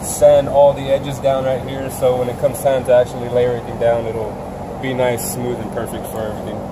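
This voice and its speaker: A man's voice: medium pitch, brisk. Laid-back man explaining his shop work. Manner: relaxed, plain explaining with restarts. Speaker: vinyl wrap installer. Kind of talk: casual interview answers. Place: large open-sided RV service shop. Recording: noisy shop background.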